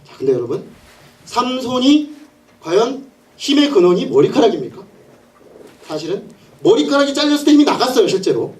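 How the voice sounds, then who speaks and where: Lively male pastor, mic at a distance. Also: very high-pitched, a little fast, pauses often. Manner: animated storytelling, laughs often, acts out scenes. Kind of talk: sermon.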